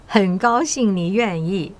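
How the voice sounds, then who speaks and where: In an audio drama, an actress with a medium-pitched voice plays a middle-aged female school principal who secretly recruits agents. She speaks in a measured, coaxing way, kindly authoritative with an elder's patient tone.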